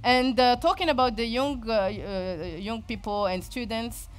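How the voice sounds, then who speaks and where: A woman with a Moroccan accent giving an informal talk, haltingly searching for words and often repeating herself. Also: fairly high pitch. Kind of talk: informal spoken presentation.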